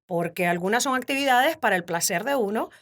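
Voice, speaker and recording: Lively Cuban woman in her fifties. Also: on the high side, a little fast. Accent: Cuban Spanish. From Cuba. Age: 50s. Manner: warm, animated storytelling with frequent laughter. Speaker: podcast guest. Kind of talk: casual interview talk.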